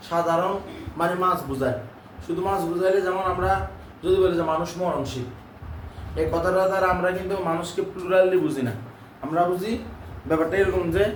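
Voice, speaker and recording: A male English teacher with a high voice runs a classroom lesson, drilling lines with his students by repeating them and constantly checking that they understand. The roomy classroom is picked up by a distant mic with a little hiss or hum.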